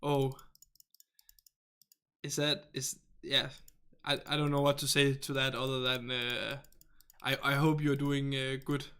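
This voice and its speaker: A man's voice: medium pitch, flat delivery, unhurried, pauses often, bright, forceful tone, clean tone. A man from northern Denmark with a Danish accent, a native Danish speaker hosting a casual livestream in English, reading viewer chat and rambling chattily while searching for words and laughing often.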